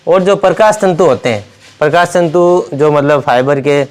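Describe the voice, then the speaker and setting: A man teaching a science class at the board, his voice fairly high and clean. He explains step by step and repeats each key term while he writes. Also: moderate pace. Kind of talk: blackboard lesson.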